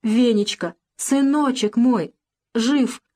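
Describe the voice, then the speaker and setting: Woman narrator playing a tender, frail old mother in an audiobook, raised pitch. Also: lively intonation, fast talker, darkish tone, lightly acted. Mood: tearful joy. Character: small stooped older mother, tender and overjoyed.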